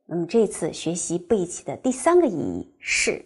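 A woman teaching a language class, explaining step by step and reading example sentences slowly and clearly. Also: lowish voice, huge pitch swings, darkish tone. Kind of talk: recorded classroom lecture.

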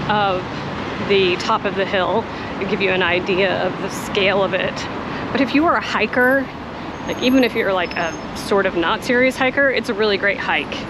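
A woman in her thirties chatting casually on a walking tour, filming herself at arm's length outdoors, with many ums and likes. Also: mid-range voice. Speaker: travel vlogger. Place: city streets outdoors, then a restaurant terrace. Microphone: action camera held at arm's length. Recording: loud street and traffic noise. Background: traffic and city ambience.

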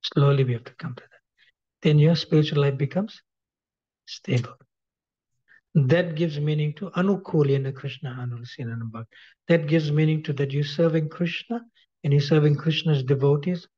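Husky-voiced man giving a devotional lecture. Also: on the high side, a little mellow. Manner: repeats key phrases, asks the audience questions. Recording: dull lo-fi recording.

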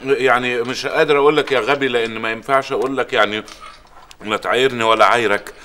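A man's voice: medium pitch, steady tone, quick pace, sharp tone, a little hiss or hum, natural voice. A man acting a bumbling, hesitant café customer in a comedy sketch, fumbling over sums.

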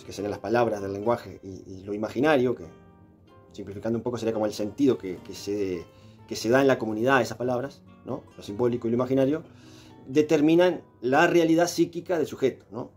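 A man's voice: mid-range voice, quick pace, a little mellow, faint music behind. Hesitant man explaining ideas. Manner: hesitant, many filler sounds and tag questions. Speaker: presenter explaining philosophy. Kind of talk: explanatory monologue.

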